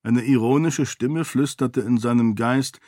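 A man reading a fantasy novel aloud in measured, even storytelling narration. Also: medium pitch, dry recording, clean studio sound. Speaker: audiobook narrator. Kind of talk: scripted narration.

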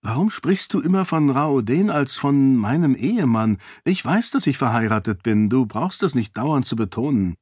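Casting: sharp-witted young princess, read by a man, teasing and quick, raised voice, husky edge, dry close audiobook sound. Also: medium pitch, lively intonation, no echo. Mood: exasperated.

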